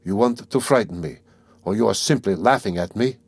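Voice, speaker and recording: A man's voice: lowish voice, animated, a little fast, darkish tone, no echo, pitched below the performer's own voice. A man voicing a feverish, suspicious young man who speaks in a tense, accusing way, in an audiobook reading. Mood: defiant.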